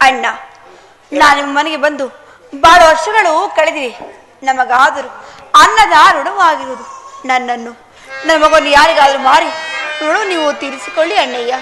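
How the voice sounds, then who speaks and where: A woman's voice: sits high, moderate pace, pauses often, sharp tone, long reverb tail, faint music behind. A woman playing an earnest proud mother. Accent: Kannada. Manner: earnest, declamatory stage speech. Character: proud, honest mother and sister. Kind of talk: village stage drama.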